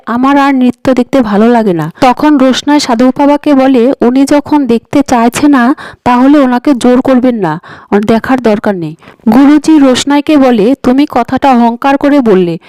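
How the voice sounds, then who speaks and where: A woman's voice: high-pitched, warm tone, no room sound, poor audio. A woman retelling a TV serial episode, reading every character's lines in the same plain voice. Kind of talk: scripted narration with quoted dialogue.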